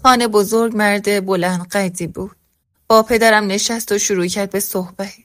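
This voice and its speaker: A woman reading a first-person story aloud as scripted narration, voicing every character in the same even narrating voice. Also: mid-range voice, no room sound, studio quality.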